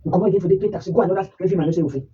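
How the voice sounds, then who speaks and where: A woman's voice: on the low side, mellow, breathy edge, far from the mic, highs cut off. A woman with a Nigerian Pidgin accent, a mother scolding her child in a heated family argument. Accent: Nigerian Pidgin English. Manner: scolding, rapid and insistent.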